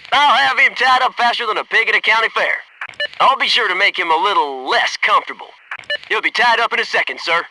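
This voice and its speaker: A male actor with a higher-pitched voice plays a loyal, wisecracking special forces soldier in a military shooter game. He speaks in clipped military phrases, and there's background noise in the recording.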